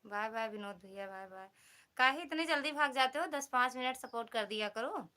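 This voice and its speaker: Woman, Awadhi-accented Hindi, bright sharp voice, teasing live-stream chat, phone mic at home. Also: a little high, moderate pace. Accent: Awadhi-flavoured Hindi. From Uttar Pradesh, India. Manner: teasing, chatty, reads out and thanks commenters.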